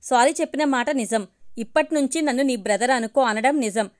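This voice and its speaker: A woman's voice: fairly high pitch, fairly quick, natural voice. A woman voicing an angry, defiant young woman student who answers with fierce indignation. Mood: explaining.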